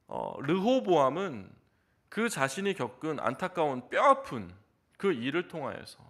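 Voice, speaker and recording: Animated earnest male pastor preaching. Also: on the high side. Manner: earnest, rhetorical questions, frequent filler interjections. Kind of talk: early-morning sermon.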